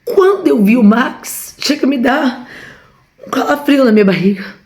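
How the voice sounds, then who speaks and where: A woman's voice: sits high, animated, moderate pace, darkish tone. A woman with a Brazilian Portuguese accent giving a fervent testimony from home, repeatedly calling her listeners brothers. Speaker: preacher. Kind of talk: emotional testimony to a congregation.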